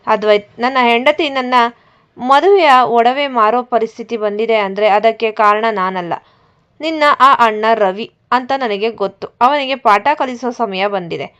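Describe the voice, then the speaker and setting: A man's voice: extremely high pitch, measured pace, bright, forceful tone, clean tone, heavily acted. A woman voicing a stern, protective young husband who speaks firmly, on a dull lo-fi recording. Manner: firm, threatening in defense of his wife.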